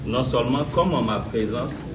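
A man in a study group reading a Bible passage aloud at a steady, measured pace. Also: mid-range voice, over a noisy crowd.

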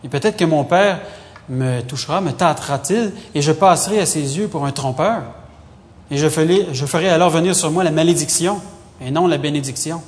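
Nervous young son, as a man reads him, worried and pleading, fairly high voice, long reverb. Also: moderate pace, natural voice. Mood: anxious. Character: young son, anxious and hesitant.

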